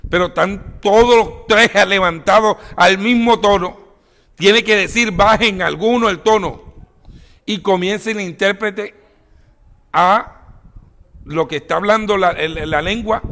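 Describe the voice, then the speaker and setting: A man's voice: high-pitched, creaky, long reverb tail. A man preaching a sermon emphatically, often addressing listeners as brother. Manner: emphatic, rising to near shouts; addresses listeners as "hermano mío".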